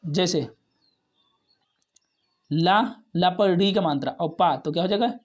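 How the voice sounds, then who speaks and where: A man teaching a basic reading lesson, sounding out each syllable and repeating words several times in a slow, patient way. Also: sits high, highs cut off.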